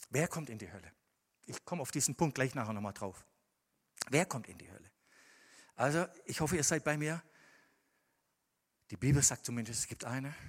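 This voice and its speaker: A male preacher delivering a sermon in a church hall, his slightly husky voice carrying a long, ringing reverb around him. His pitch rises and falls widely as he shifts from hushed, deliberate scripture reading to loud, passionate appeals. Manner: swings from quiet, measured reading to loud, impassioned emphasis.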